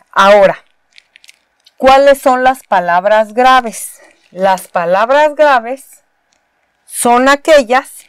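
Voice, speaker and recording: A woman's voice: fairly high pitch, clear, resonant tone, no echo. A Mexican woman teaching a university spelling lesson, explaining patiently step by step and repeating key words. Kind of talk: recorded spelling lesson at a board.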